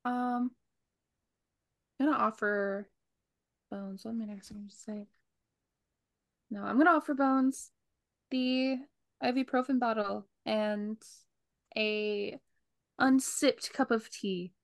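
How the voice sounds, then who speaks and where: Woman, tabletop player, high voice, slow and giggly, dry close sound. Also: steady tone, creaky, no echo. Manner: giggly and playful. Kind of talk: tabletop role-play banter.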